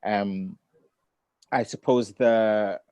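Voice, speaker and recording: A middle-aged man who grew up in Ghana, a poet, reading his poems and talking about family in a measured, reflective way over a video call. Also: on the low side, fairly even intonation, a little mellow, smooth, dry recording. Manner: measured and reflective, with thoughtful pauses. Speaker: poet and author. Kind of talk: poetry reading and relaxed conversation.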